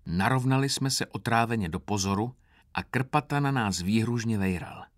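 A man calmly narrating a novel in the first person with a wry tone. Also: fairly low pitch, no echo, studio quality. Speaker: audiobook narrator.

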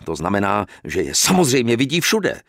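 A man voicing an impulsive, indignant younger man who speaks loudly and scornfully in an audiobook. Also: fairly low pitch, huge pitch swings, dry recording, studio quality, full character voice. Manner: loud and scornful. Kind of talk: audiobook character reading.

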